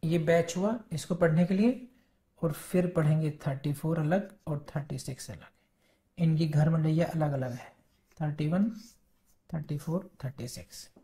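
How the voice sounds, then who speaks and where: A woman with an Indian English accent gives an exam-prep law lecture at an unhurried pace. Her voice is dark and mellow. She mixes Hindi and English, drawing out each word of the legal text before she explains it. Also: deep voice. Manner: reads statute text slowly word by word, then explains.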